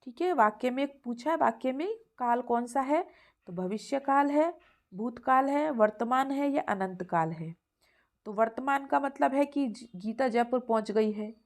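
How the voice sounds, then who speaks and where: A woman's voice: high-pitched, animated, measured pace. A woman teacher goes through exam questions for young children. She is patient, repeats each answer and calls the listener "beta".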